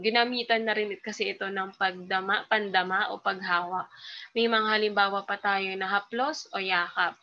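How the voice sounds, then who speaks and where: Bright-voiced Filipina teacher giving a lecture. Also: female voice, medium pitch. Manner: explains patiently, many fillers and tag questions. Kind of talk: recorded online lecture. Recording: slightly dull lo-fi sound.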